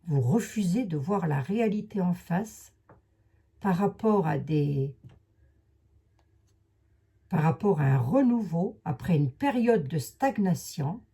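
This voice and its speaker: A woman with a Lorraine accent reads oracle and tarot cards in a loose, talkative way, wandering into asides and correcting herself. Her voice is low-set, mellow and a little husky. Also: lively intonation, slow, pauses often. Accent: Lorraine French. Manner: chatty, rambling, with many hesitations and asides. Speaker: tarot and oracle card reader. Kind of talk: casual card reading to viewers.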